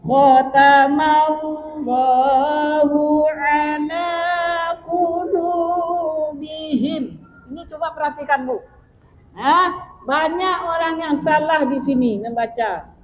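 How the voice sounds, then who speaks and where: A woman's voice: sits high, measured pace, fairly bright tone, reverberant, in a large hall, rough recording. A woman teaching Quran recitation rules, chanting verses and patiently correcting common reading mistakes. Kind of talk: tajwid lesson with sung recitation.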